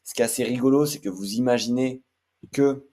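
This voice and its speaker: A man's voice: mid-range voice, fairly quick, mellow. A man hosting a casual screen-share tutorial, chatty and hesitant with frequent fillers. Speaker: tech tutorial host.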